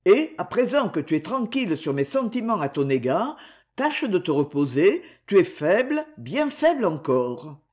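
A reader voicing a repentant, loving nobleman father in an audiobook, speaking fervently and slowly. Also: mid-range voice, big pitch swings, darkish tone, natural voice. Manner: fervent, emotional, slow. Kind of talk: audiobook character reading.

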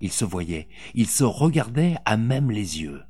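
A man reading a novel aloud as an audiobook narrator, with dramatic, expressive delivery. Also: lowish voice, a little slow, breathy edge.

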